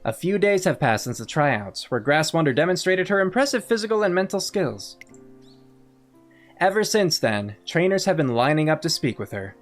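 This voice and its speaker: A woman talks casually through a video game she is playing, thinking aloud and chatting. Her voice sits a little low but moves a lot. Faint music plays behind her. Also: big pitch swings, moderate pace. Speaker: game streamer. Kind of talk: casual let's-play commentary.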